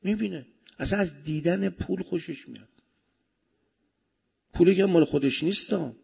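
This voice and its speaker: A male preacher with speech delivers a sermon with a gravelly, husky voice. He swings between loud emphasis and soft asides. The recording sounds dull and lo-fi. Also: high-pitched.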